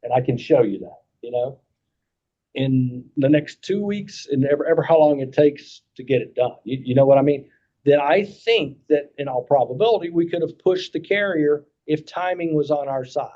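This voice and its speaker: An insurance agent from Kentucky with a Kentucky accent presents to a committee, explaining things folksily, repeating points and checking that listeners follow. His voice is warm and fairly high at a moderate pace, in dull lo-fi meeting audio.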